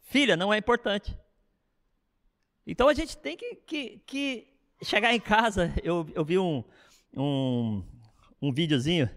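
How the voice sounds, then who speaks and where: A middle-aged male pastor delivers a sermon in a lively, chatty manner, often turning to the crowd with quick asides. His voice sits a little high for a man and swings widely in pitch. The sound carries a long reverb from a large hall. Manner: animated, conversational preaching with frequent asides.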